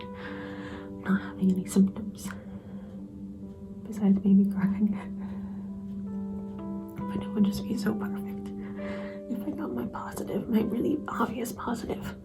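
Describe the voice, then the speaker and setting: A woman's voice: mid-range voice, vocal fry. Whispering woman, tearful and nervous. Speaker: vlogger filming a pregnancy test. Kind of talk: intimate whispered vlog. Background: guitar music.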